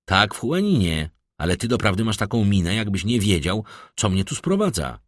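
A man's voice: on the low side, sing-song, moderate pace, dry recording, voice pushed up. Male narrator playing a heated young nobleman, insistent, audiobook, dry close sound. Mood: earnest. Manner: stiff, demanding, heated. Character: young indignant male count, proud and insistent. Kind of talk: audiobook character voice.

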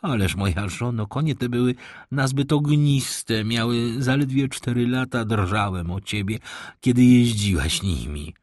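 A man voicing a wily, flattering middle-aged banker baron in an audiobook reading. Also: mid-range voice, unhurried, dry recording, studio quality, close to an everyday voice. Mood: placating. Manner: unctuous, placating.

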